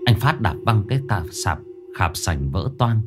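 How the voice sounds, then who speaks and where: A man's voice: deep voice, big pitch swings, normal speed, music in the background. A man narrating a ghost story dramatically.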